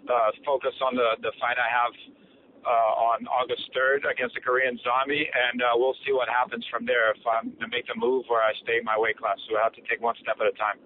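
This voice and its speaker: A man's voice: medium pitch, level tone, brisk. A man working as an interpreter on a telephone press conference call, over a noisy line. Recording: noisy, tinny phone line.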